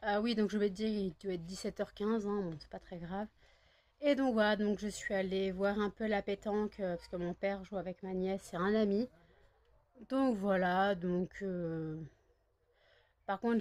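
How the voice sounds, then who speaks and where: A woman's voice: mid-range voice, steady tone, normal speed, a little mellow. Woman from France, casual vlog chat, rambling delivery with fillers and restarts. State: groggy, just woke up. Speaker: vlogger. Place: outdoors in a garden, then at home.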